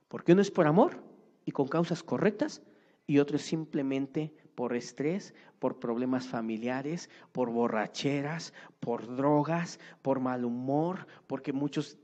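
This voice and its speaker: A man's voice: fairly high pitch, darkish tone. Emphatic man preaching. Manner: emphatic, seeks agreement with repeated tag questions. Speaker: pastor. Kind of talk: sermon. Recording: muffled lo-fi recording.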